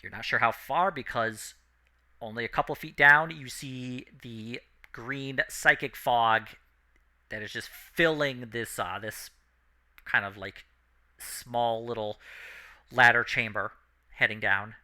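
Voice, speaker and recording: A man narrating as dungeon master of a tabletop game, describing scenes in a relaxed, halting way with many fillers. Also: medium pitch.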